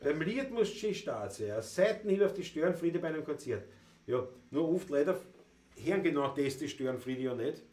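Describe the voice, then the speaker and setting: A man with a Viennese accent hosting a livestream, chatting in dialect in an unhurried, mumbled way. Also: on the high side, lively intonation. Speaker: livestream host and Viennese folk musician. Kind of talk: casual chat and singing Viennese songs. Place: room at a livestream stage. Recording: roomy echo with loud guitar music.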